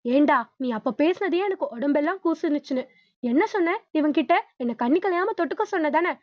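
A woman's voice: high-pitched, expressive, brisk, dry recording. A wounded defiant young woman, read by a woman. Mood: angry. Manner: hurt, defiant outbursts. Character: young woman, naive but now fiercely angry. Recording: dull lo-fi dry recording.

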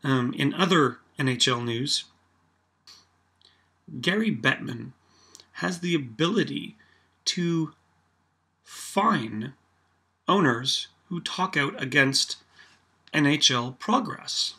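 Casting: sarcastic Canadian guy ranting to camera, bright forceful tone, slow deliberate delivery. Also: on the high side, breathy edge. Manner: sarcastic, animated, filler-heavy. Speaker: vlog host. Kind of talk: casual opinion rant.

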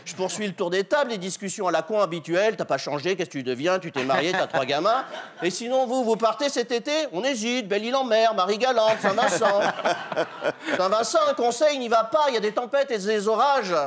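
High-voiced man telling a comic story. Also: expressive, a little fast, fairly bright tone. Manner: storytelling, voicing characters in dialogue. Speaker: comedian. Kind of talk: comic monologue on stage. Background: audience laughter.

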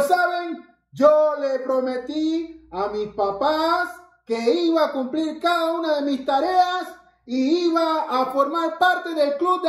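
A bubbly little boy, as an adult plays him, tells the children a Bible story in church. His voice is high and his pace is slow and careful, as he calls out to his young listeners. The sound rings around a roomy church space. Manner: bubbly, exclaiming, talks straight to the children. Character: cheerful little boy named Carlitos, proud young scout. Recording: echoey church room.

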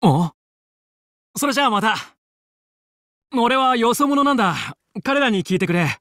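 A man playing a young, confident fox space pilot and team leader in a video game, brisk, determined and commanding yet friendly. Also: very high voice, animated, a bit bright, no room sound, studio quality. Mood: friendly, earnest. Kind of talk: Japanese video game voice acting.

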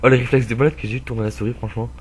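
A young man with a stuffy nose casually commentating a truck-driving game, rambling with lots of fillers and swearing, with loud bursts of frustration at other drivers. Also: medium pitch, steady tone, rapid-fire, slight background noise. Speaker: gameplay commentator. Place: home room with a dog playing nearby.

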